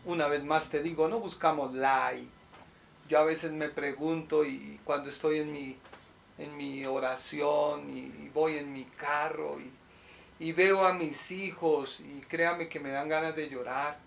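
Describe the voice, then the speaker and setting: Impassioned pastor, man, fairly high voice. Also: steady tone, creaky, a little hiss or hum. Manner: impassioned, swings from loud urging to soft, slow confession. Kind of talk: sermon. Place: small apartment set up as a studio.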